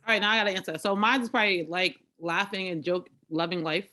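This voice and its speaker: A woman's voice: lowish voice, fairly even intonation, quick pace, bright, forceful tone. Chatty young woman guest. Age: young adult. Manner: chatty, many fillers like "like" and "um". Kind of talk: casual interview chat.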